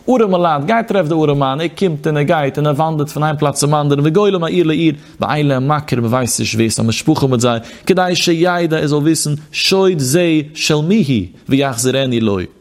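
A rabbi gives a Yiddish-inflected Torah lecture in a chanting, sing-song study cadence, weaving in quoted Hebrew passages. His voice is a little high, and he speaks a little fast with few pauses.

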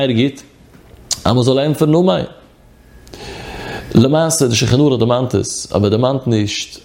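A man's voice: mid-range voice, darkish tone. A man giving a lesson on religious law, explaining steadily and mixing study terms into his speech. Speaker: religious teacher.

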